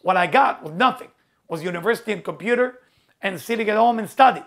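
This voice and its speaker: Fast and expressive, this man's voice sits high with a fairly bright tone. He is a middle-aged spiritual teacher, Hebrew his first language, earnestly motivating listeners and emphatically repeating key words in non-native phrasing.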